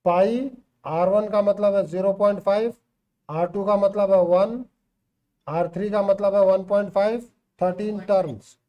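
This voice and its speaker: High-voiced teasing math teacher. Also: male voice, steady tone, a little slow, lo-fi sound. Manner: teasing, coaxing, checks understanding by name. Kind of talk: classroom teaching, mixing Hindi and English. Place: classroom with online students joining.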